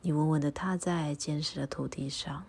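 A woman leading a guided meditation and prayer, speaking softly and calmly, often in a half-whisper. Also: low-pitched, slight background noise. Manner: soft, breathy, often half-whispered delivery; slow, calm, instructive.

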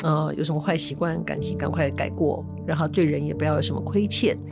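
A woman from Taiwan, hosting a storytelling podcast in a chatty, animated way with Hokkien asides. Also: deep voice, a little fast, gravelly, music in the background. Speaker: podcast host.

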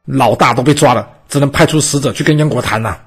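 A man telling a history story in a chatty, animated way, hosting his podcast. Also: mid-range voice, quick pace, slightly rough.

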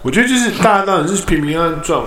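A man co-hosting a casual chat podcast, speaking calmly in brief interjections and telling the host to calm down. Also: high-pitched, rapid-fire, slight background noise. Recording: echoey room.

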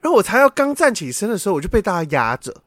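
A man's voice: high voice, very animated, racing, a bit bright, no echo, clean studio sound. A man, hosting a casual podcast and animatedly telling a dream story, acting out sounds as he goes. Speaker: podcast host.

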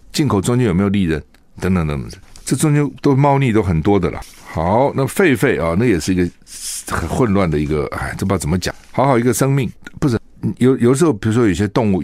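A man's voice: on the low side, darkish tone, dry recording. A man hosting a radio show, giving opinionated solo news commentary full of rhetorical questions.

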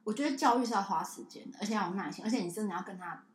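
A woman with a Taiwanese Mandarin accent co-hosts a casual podcast, rattling through a story at a brisk clip. She acts out the people in it with lively voices. Her voice rings in an echoey room. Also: medium pitch, a crowd in the background. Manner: animated storyteller who acts out a child and herself. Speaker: podcast co-host.

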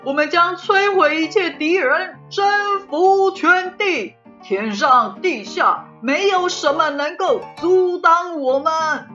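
A woman's voice: very high voice, takes it slowly, few pauses, fairly bright tone, muffled recording, soft background music, voice pushed up, heavily acted. A woman voicing a boastful, domineering male termite king in a pompous, declamatory children's storybook manner. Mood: conquering, forceful.

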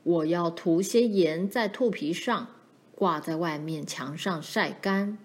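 A woman voicing a protective pioneer father who speaks firmly and gravely to his daughters. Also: fairly low pitch, takes it slowly, voice pushed down. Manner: firm and warning, grows grave.

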